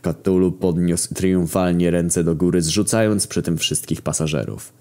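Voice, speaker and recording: Deep-voiced man narrating a crude story. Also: a little slow. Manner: wry, deadpan, crude humor. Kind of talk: casual profane story narration.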